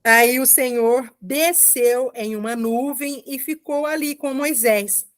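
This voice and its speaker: A woman giving a commented Bible reading, explaining slowly with frequent checking asides. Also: sits high. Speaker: Bible teacher.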